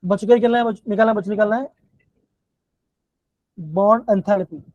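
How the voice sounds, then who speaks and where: A male chemistry teacher with a Himachali Hindi accent teaches a live online class, talking quickly in a slightly mellow voice with no echo. He keeps repeating his questions and calling the students "बच्चों". The audio is dull, dry and low-fi.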